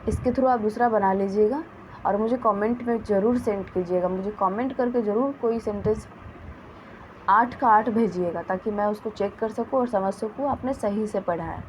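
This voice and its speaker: A woman teaching a grammar lesson, dictating example sentences slowly and carefully. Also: medium pitch, a little mellow, a little hiss or hum, low-quality recording. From India. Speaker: English teacher.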